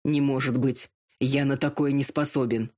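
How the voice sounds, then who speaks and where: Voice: medium pitch, fairly even intonation, a little mellow, close to an everyday voice. A narrator voicing a haughty dragon lord. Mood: uneasy. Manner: drawn-out and pleading when drunk, curt when sober. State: drunk and drowsy. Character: arrogant male dragon lord, a gruff millionaire.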